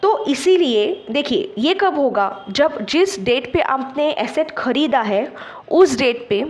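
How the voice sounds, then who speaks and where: A woman teaching an exam-prep lecture, explaining step by step and checking in with students, mixing English terms into her Hindi. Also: sits high. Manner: patient, checks understanding with frequent "theek hai".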